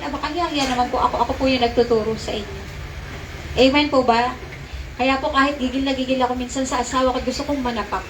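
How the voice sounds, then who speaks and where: A middle-aged Filipino woman pastor preaching a sermon, calling out to the congregation and slowing down to stress scripture. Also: high voice, a bit bright, slight background noise. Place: church sanctuary. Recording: echoey hall from far off.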